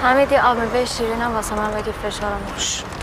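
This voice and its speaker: A woman's voice: a little high, steady tone, close to an everyday voice. An actress playing an indignant young woman who bickers with a friend. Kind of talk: TV drama acting. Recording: loud street noise.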